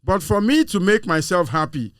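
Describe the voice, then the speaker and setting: A man's voice: high voice, sing-song, moderate pace, smooth, dry recording, clean studio sound. A man in a casual discussion, speaking earnestly and reflectively with some fillers. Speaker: show guest.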